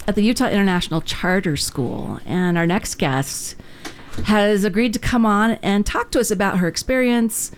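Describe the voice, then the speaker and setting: A woman hosting a community radio show, chatting casually and introducing guests with frequent pauses. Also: mid-range voice, slight background noise. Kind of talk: casual on-air chat and interviewing.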